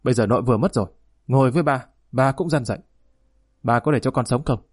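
A male audiobook narrator voices a sulky grown son who talks back rapidly, defiantly and with a whine, in a lightly acted read. His voice is husky and sits at a middle pitch. The recording is close and dry, with no echo.

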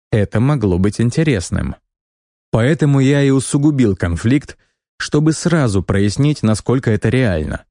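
A man reading a first-person fantasy audiobook in a calm, measured, wry manner. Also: lowish voice, dry recording, clean studio sound. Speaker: audiobook narrator.

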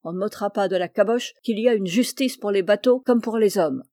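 A woman's voice: medium pitch, brisk, warm tone, no echo, studio quality, natural voice. A woman voicing a stubborn, proud fishing-boat skipper who insists on his point with rustic indignation. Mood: indignant.

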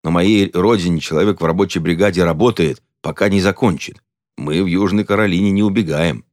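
A man's voice: low-pitched, fairly quick, a little mellow, no room sound, studio quality, lightly acted. A man voicing a cranky, stubborn old church deacon who talks proudly and dismissively.

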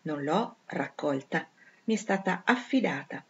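Woman doing a curt aloof gentleman, detached, muffled lo-fi recording. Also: low voice, lively intonation, measured pace, breathy edge, heavily acted. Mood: cool. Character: aloof wealthy man, curt and indifferent.

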